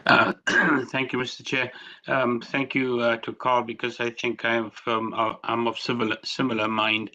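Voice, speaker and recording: A man's voice: medium pitch, flat delivery, normal speed, pushed and bright, muffled recording. A Canadian man on a planning committee speaking hesitantly, with many fillers. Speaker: committee member. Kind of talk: formal hearing remarks.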